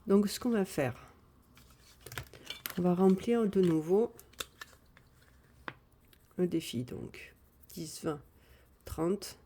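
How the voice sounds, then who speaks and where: A woman chatting casually live on a phone camera, thinking out loud as she sorts and counts cash. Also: lowish voice, very slow, pauses often, slight background noise. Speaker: budgeting vlogger.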